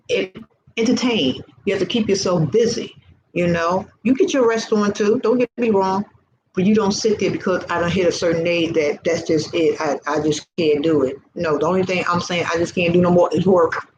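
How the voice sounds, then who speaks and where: Brisk and lowish in voice, a woman in her early sixties offers fervent, repetitive faith encouragement on her informal vlog, sounding much like a preacher. There's a noisy hiss in the background.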